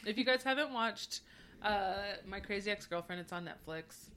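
A woman's voice: medium pitch, moderate pace, a bit bright. A woman co-hosting a podcast, chatting casually in a wry, joking way. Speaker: podcast co-host. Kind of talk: casual chat.

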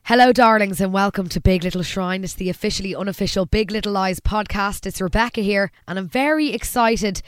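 A woman's voice: mid-range voice, fairly quick, few pauses, dry recording. A woman hosting a casual pop-culture podcast, chatting in a campy, gushing manner. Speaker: podcast host.

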